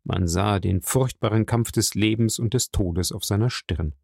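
A man narrating a classic novel as an audiobook, reading in a steady, measured storytelling voice. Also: lowish voice, vocal fry, no echo, studio quality.

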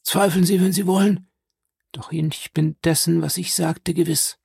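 A man's voice: fairly high pitch, fairly even intonation, a little slow, gravelly, darkish tone, husky, no echo, studio quality, exaggerated voice. A man voicing a frail, stern old grandmother who speaks in an imperious, insistent way, in an audiobook reading.

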